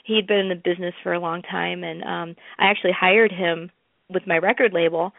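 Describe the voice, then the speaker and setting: A woman's voice: on the low side, fairly even intonation, fairly quick, creaky, no echo. A woman guest in an interview, telling stories in a chatty way with many fillers and restarts. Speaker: interview guest, music promoter. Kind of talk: casual interview talk. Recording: tinny phone line.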